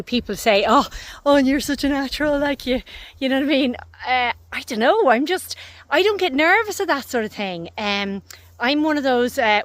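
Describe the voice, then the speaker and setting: Chatty Irish woman, slightly husky. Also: mid-range voice. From Ireland. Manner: excitable, rambling, self-deprecating. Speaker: cottage owner and wellness host. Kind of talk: casual chatty update to camera. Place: outdoors by a paddock with horses. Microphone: phone camera held by hand.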